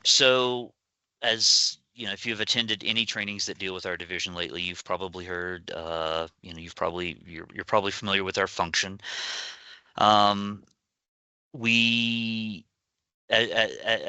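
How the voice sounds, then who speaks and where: A man presenting as a state equity ombudsman in a webinar, halting with many fillers and restarts. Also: low voice, pushed and bright, clean tone, no room sound. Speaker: rural and frontier equity ombudsman.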